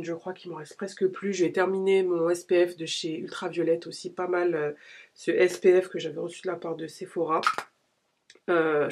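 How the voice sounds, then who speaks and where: A woman's voice: fairly low pitch, a little mellow. A woman in her late thirties chatting casually as a beauty vlogger, rambling and slangy while doing her skincare at home. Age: late 30s. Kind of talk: casual vlog chat. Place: home, filmed in natural daylight.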